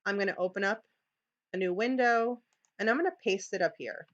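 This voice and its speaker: A woman's voice: mid-range voice, a little fast, a bit bright, muffled recording. A woman with a New York accent leading a live screen-share tutorial for teachers, chatty, with many "okay"s and restarts. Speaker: teacher leading a training session.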